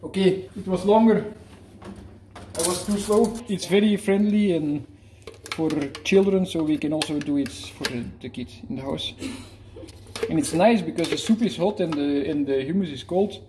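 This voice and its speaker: During a casual cooking demo in his home kitchen, a playful, joking vlogger with Dutch as his first language often restarts what he's saying. He speaks at normal speed in a slightly high voice. The handheld, moving camera mic picks up echo, sizzling, and background noise.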